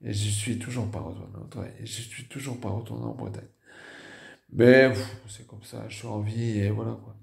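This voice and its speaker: A man's voice: lowish voice, steady tone, vocal fry, roomy sound. Tired, nasal northern French man. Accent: northern French (Nord). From Nord, northern France. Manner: halting, many fillers and restarts, trailing off quietly. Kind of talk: casual personal storytelling.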